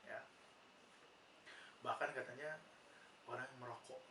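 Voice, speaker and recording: A man with an Indonesian accent explains psychology as a nursing lecturer, pausing on "ya" and posing rhetorical questions. He sounds far from the microphone in an echoey room. A clear background hiss sits under his voice. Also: medium pitch, steady tone. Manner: patient, asks rhetorical questions and answers them, frequent "ya" fillers. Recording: roomy, distant mic, noisy background.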